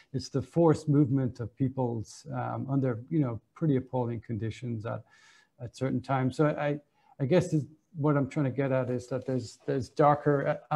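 A man's voice: mid-range voice, gravelly, dark tone, slightly rough. A man moderating a discussion over a video call, often repeating words as he thinks aloud. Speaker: museum curator, moderator.

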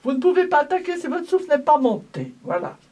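High, lively woman voice teacher. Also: quick pace. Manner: demonstrates sung vowels between spoken instructions. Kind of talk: singing lesson coaching. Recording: voice from far off the mic.

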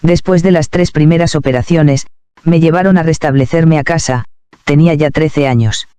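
A man calmly and reverently reading a first-person devotional memoir aloud as narrator. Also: fairly high pitch, normal speed, smooth, no echo.

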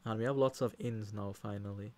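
Fairly quick and lowish in voice, a man with a Trinidadian accent calls the action of a card game live. He talks to the players in an animated way and shouts out cheers when something big happens.

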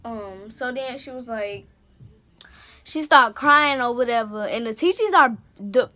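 A young woman rattles through a story time from her bedroom, her voice bright and a little high. She talks in an animated, slangy way and keeps drifting into side comments. It is picked up by the camera's own mic. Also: measured pace. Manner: animated, slangy, rambling with asides. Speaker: vlogger. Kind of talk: casual story time monologue. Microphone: camera's built-in mic.

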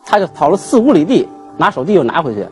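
A man, a guest telling his grievance on a TV talk show in an animated, aggrieved way. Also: fairly high pitch, fast, soft background music. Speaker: guest, husband seeking divorce. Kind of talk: emotional storytelling on a TV talk show.

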